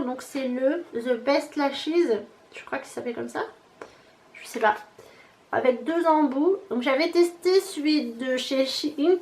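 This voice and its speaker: A woman's voice: high voice, slight background noise. A woman in her thirties chatting casually to camera as a beauty vlogger, showing products one by one. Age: 30s. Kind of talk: casual haul chat.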